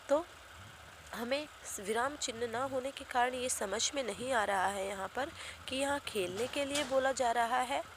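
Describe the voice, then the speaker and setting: Gravelly-voiced woman teaching young children. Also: a little high, noisy background. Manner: patient, repetitive explaining with frequent "ठीक है". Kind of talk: Hindi grammar lesson for children.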